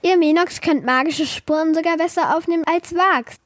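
A bossy little fairy from a storybook, read by a woman, with a bright, high voice. She snaps back quickly and sounds sure of herself. The sound is dry and close. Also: no echo. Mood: feisty. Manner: snappy and self-assured. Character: feisty, bossy female fairy. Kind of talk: read-aloud storybook role.

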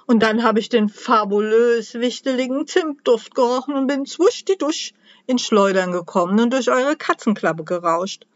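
A woman's voice: a little high, animated, normal speed, no room sound, close to an everyday voice. A woman voicing a small, frightened male Christmas elf who is a royal cook, whining and fretting as he talks, in a dull, dry recording. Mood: rambling worried. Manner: whiny, fretful, jumpy.

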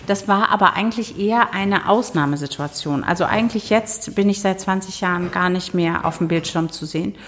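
Middle-aged woman author, a bit low-pitched, calm and wry, reading aloud and being interviewed. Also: slight background noise. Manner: measured, lightly humorous, some hesitations. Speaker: author and TV journalist. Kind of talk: reading her novel, then casual interview talk.

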